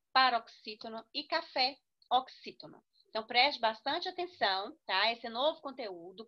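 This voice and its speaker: A woman's voice: fairly high pitch, dull audio. A woman with a Brazilian Portuguese accent teaching a grammar lesson, stressing syllables and checking in with students often. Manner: instructive, with frequent check-ins and spelled-out syllables.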